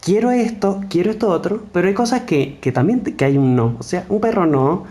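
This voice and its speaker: A man's voice: sits high, lively intonation, fairly quick, mellow. A man with an Argentine accent hosting a live online panel conversation, speaking in a thoughtful, rambling, wry way. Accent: Argentine Spanish.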